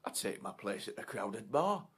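An actor playing a foul-mouthed, menacing man obsessed with his disco night, swinging from hushed whispers to shouts. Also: fairly low pitch, very animated, normal speed, husky, exaggerated voice. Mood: scornful. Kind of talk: short film monologue.

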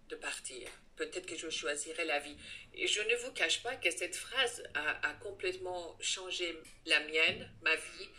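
A woman, speaking earnestly in an interview and pausing now and then to find her words. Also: on the low side, sharp tone. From Iran. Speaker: guest, head of a child-protection association. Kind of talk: interview answers.

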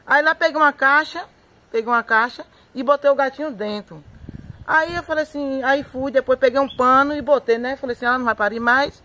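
An excited Bahian woman, a local resident being interviewed in a home yard outdoors, gives an eyewitness account in a high-sitting, brisk voice. Her storytelling is breathless and repetitive, full of acted-out quotes, with slight background noise.

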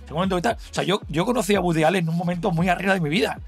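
High, gravelly Spanish man rambling animatedly. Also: racing, soft background music. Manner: rambling, animated, full of fillers and laughter. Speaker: guest telling an anecdote. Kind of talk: casual podcast storytelling.

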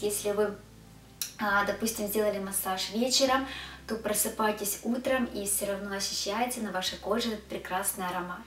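A woman's voice: medium pitch, slight background noise. A woman reviewing body care products to camera in a chatty way, talking to her viewers as girls. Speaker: beauty vlogger. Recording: echoey room, distant mic.

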